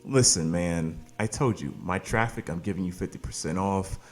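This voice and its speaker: Faint music sits behind a man with a low voice speaking at normal speed. Hosting an online marketing channel, he chats casually to camera and sells offers with hyped energy, using "baby" and "man" for his viewers, tired after recording late at night.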